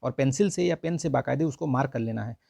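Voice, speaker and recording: A man's voice: mid-range voice, fast, gravelly, dark tone, dry recording, studio quality. A man teaching an online Hindi grammar lesson for an exam, explaining patiently and saying "theek hai" again and again. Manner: repeats "theek hai" constantly, coaxing and explanatory.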